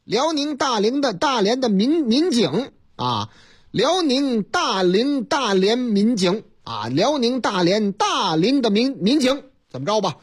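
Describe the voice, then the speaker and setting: A radio host with a Beijing accent spins news items into comic tales. The voice swings widely in pitch and has a slightly husky edge, and the delivery is theatrical and folksy. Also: unhurried. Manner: lively, theatrical, folksy banter.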